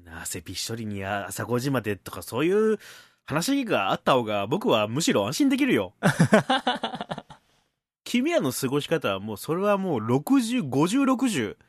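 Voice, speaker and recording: A man's voice: mid-range voice, wildly swooping pitch, moderate pace, no room sound, studio quality. A man in his early thirties from Hakata, co-hosting a podcast in casual chat and teasing with frequent laughs. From Hakata, Fukuoka. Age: early 30s. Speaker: podcast co-host.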